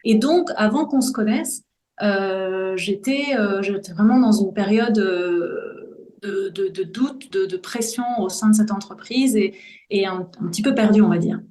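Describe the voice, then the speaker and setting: Recorded with noticeable echo in a reverberant room, this sincere, thoughtful Belgian podcast guest in her 40s shares a personal story. She speaks at a measured pace in a mellow, medium-pitched voice, often pausing to find words.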